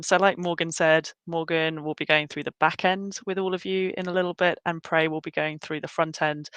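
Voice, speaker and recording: A woman's voice: low voice, fairly bright tone, smooth, no echo. A British woman hosting a webinar over a video call, chatting in a friendly way with many fillers. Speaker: graduate recruitment advisor hosting a webinar.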